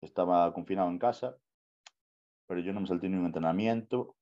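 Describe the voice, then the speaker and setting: Man, Spanish accent, deep low voice, mellow, slangy storytelling, swears a lot. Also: a little fast, muffled recording. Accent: Spanish from Spain. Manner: slangy, swears often, keeps saying "tío" and "¿sabes?". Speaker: professional bodybuilder guest. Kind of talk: casual interview storytelling.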